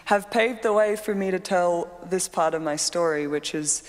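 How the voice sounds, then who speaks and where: A woman, a panel guest telling her story in an eager, animated way. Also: fairly low pitch, moderate pace. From Malawi, then Australia. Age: 20s. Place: large hall with a live audience. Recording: reverberant hall.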